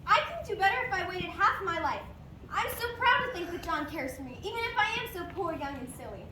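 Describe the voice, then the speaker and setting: Casting: actress as very high-pitched romantic young woman, earnest and proud, stage drama, noisy distant recording. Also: sing-song, a little fast, sharp tone, exaggerated voice. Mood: defiant. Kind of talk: amateur stage play acting. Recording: distant, echoey room, noisy.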